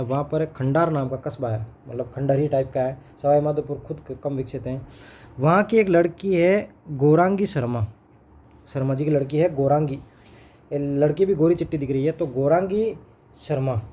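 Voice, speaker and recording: A man's voice: on the high side, dark tone, slight background noise. A man, teaching current affairs for exam preparation in a conversational way, asking questions and giving memory tricks. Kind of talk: explaining newspaper current affairs.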